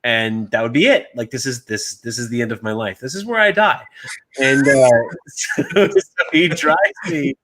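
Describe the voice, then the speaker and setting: A man in his thirties from the US tells stories in a casual chat. He talks animatedly and jumps high in pitch when he acts out what other people said. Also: normal speed, a bit bright.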